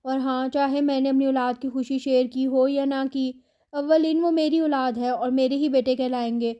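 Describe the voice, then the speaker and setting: A woman's voice: high-pitched, little pitch movement, mellow, natural voice. A woman reading a proud teasing young husband. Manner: taunting, then tender.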